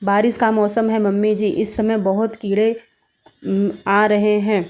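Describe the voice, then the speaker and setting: Woman doing a worried young daughter-in-law in a cartoon, pleading and fretful, mellow tone. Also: medium pitch, flat delivery, unhurried, natural voice.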